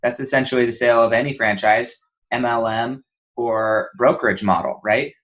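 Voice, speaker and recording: A man's voice: mid-range voice, steady tone, moderate pace, a bit bright, low-quality recording. A man hosting a podcast, introducing his guest in an eager, enthusiastic and rambling way. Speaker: podcast host.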